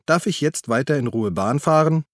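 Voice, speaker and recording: A man voicing a defiant, cheeky male train passenger who snaps back loudly. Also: fairly high pitch, lively intonation, moderate pace, no echo, studio quality, pitched above the performer's own voice, natural voice. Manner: snappy, provocative.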